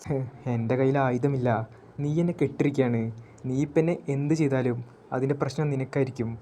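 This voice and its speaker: A man's voice: medium pitch, fairly even intonation, brisk, warm tone, slight background noise, close to an everyday voice. A man voicing a spoiled arrogant noble youth. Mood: indignant. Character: arrogant young noble boy, spoiled and boastful.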